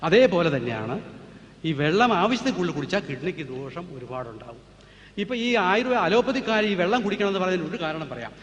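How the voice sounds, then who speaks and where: A man's voice: high-pitched, very animated, fast, a crowd in the background. A man giving a public talk on natural healing, lecturing with emphatic rhetorical questions while answering audience questions. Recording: echoey hall, dull lo-fi with faint noise.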